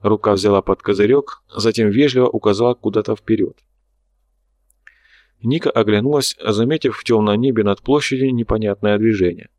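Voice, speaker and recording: A man narrating an audiobook in a steady, even storytelling voice. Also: lowish voice, fairly quick, no echo. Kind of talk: scripted narration.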